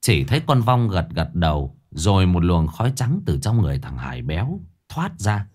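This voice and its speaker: A man narrating a spooky folk tale in an expressive, lively way. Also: low-pitched, normal speed, noisy background. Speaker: storyteller.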